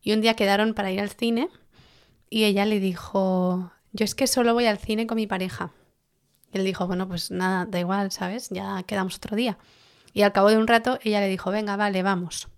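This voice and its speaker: A woman from co-hosting a casual podcast, spinning a listener's story with lively, joking slang. Her voice sits at an ordinary middle pitch for a woman. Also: fairly quick, clear, resonant tone. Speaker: podcast co-host.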